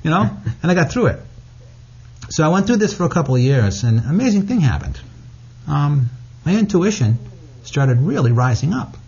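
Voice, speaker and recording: Husky, blunt-talking man. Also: a little high, very animated, moderate pace, long pauses, mellow, lo-fi sound. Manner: blunt, frank, swears freely. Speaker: guest author. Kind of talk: candid interview talk.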